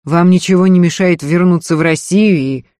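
A man's voice: high-pitched, normal speed, darkish tone, dry recording, clean studio sound, natural voice. Man playing a curt, scornful husband. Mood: weary scornful. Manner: curt and scornful, speaking through his teeth. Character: gruff, contemptuous husband, a weary nobleman.

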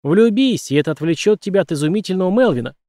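A man voicing a brash, teasing woman roommate who talks quickly and bluntly. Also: sits high, lively intonation, mellow, no echo, studio quality, pitched above the performer's own voice.

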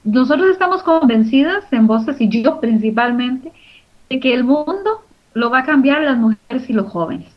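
A high-pitched, expressive middle-aged woman with a Costa Rican Spanish accent speaks at normal speed in an interview. Co-founder of a community radio organization, she answers with earnest emphasis and repeats phrases, and the audio is muffled and lo-fi with music in the background.

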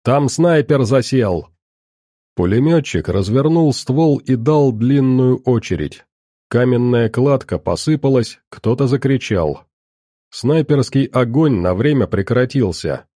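A man giving steady scripted audiobook narration of an action story. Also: medium pitch, unhurried, no echo, studio quality.

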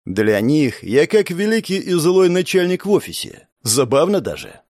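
Brief: male narrator, sardonic and expressive, lively pitch, dry close recording. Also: moderate pace, no room sound. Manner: sardonic, expressive, with frequent swearing. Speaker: audiobook narrator. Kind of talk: first-person audiobook narration.

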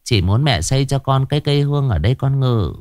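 A man voicing a child's ghost speaking through an old man, soft and begging. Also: mid-range voice, expressive, fast, dry recording, clean studio sound, voice pushed up, close to an everyday voice. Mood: pleading.

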